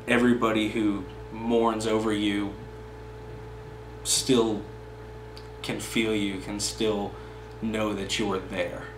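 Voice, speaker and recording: Over music, a young man with a low-leaning voice reads a poem in a slow, even tone and follows it with informal personal commentary. He sits at a table in a small indoor meeting room, and the camera mic a few feet away records roomy echo plus a faint background hum.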